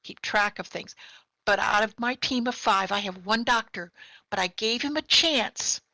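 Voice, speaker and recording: A woman's voice: a little high, normal speed, bright, forceful tone, no room sound, low-quality recording. A woman in the audience recounting her own experience in a conference Q&A over a video call, emphatic and retelling dialogue. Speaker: audience member asking. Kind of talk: personal story in a Q&A.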